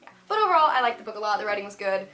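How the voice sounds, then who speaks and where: A young woman giving a casual spoken book review, gushing and animated, full of "like" fillers. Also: mid-range voice, rapid-fire, soft background music.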